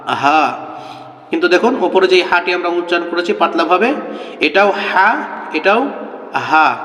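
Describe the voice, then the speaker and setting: A man teaching Quran reading, slowly drilling letter sounds in a sing-song chant and patiently explaining each one to his viewers. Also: sits high, a bit bright. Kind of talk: slow step-by-step recitation lesson. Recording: echoey room with long reverb.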